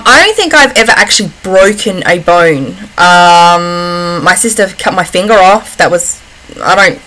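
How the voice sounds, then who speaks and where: A woman's voice: mid-range voice, bright, forceful tone, poor audio. An Australian woman chatting casually as she answers personal questions in a vlog, often breaking off and restarting in a giggly, informal way. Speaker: vlogger.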